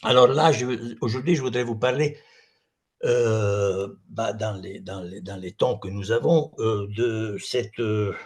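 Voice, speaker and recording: A man with an Italian accent, a native Italian speaker, giving an academic talk in halting French, repeating words as he searches for them. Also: fairly low pitch, steady tone, darkish tone, slightly rough. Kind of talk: semi-improvised academic talk.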